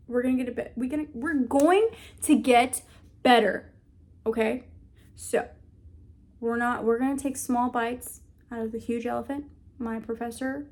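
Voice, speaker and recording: A woman's voice: on the high side, darkish tone. A young woman vlogging in a casual, rambling way, often stopping to search for words and restarting her sentences. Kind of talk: casual talk to camera.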